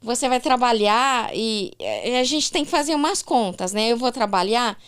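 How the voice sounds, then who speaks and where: A woman's voice: fairly high pitch, sing-song, moderate pace, a bit bright, clean tone. A woman voicing her seventy-year-old mother, who worries and asks practical questions. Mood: worried.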